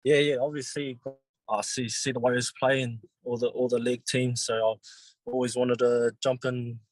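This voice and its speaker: This young rugby league player from New Zealand, in his twenties, stops and restarts frequently as he casually responds to an interviewer. He speaks in a mid-range voice with flat delivery. There's no echo, though the audio is poor.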